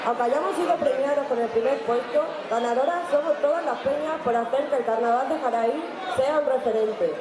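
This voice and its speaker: A woman's voice: high-pitched, fairly quick, hardly any pauses. Spanish woman herald in an echoey crowd. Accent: Spanish from Spain. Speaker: carnival club speaker, festival herald. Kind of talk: herald-like scripted public speech. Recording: echoey, noisy room with crowd.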